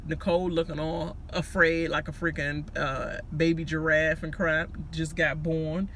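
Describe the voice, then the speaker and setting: A man's voice: a little high, little pitch movement, measured pace, pushed and bright, slight background noise. A man with a Washington, D.C. accent gives a casual, gossipy recap with sassy, slangy, profane commentary. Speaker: reality show recapper.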